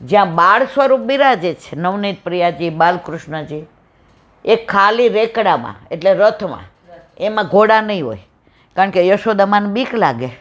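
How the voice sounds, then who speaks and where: A woman's voice: mid-range voice, moderate pace. A woman with a Saurashtra Gujarati accent leads a devotional satsang at home, telling a temple story and slipping into each character's lines. Her voice sits in a middle register, and the recording sounds dull and lo-fi. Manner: animated storyteller, acts out dialogue, affectionate devotional tone. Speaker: satsang speaker. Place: home room with visiting devotees.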